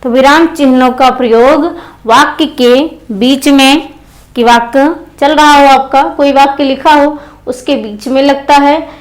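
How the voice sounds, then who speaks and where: A woman's voice: sits high, steady tone, unhurried, rough recording. A woman teaching an exam-prep grammar lesson, who repeats key phrases and puts questions to her students.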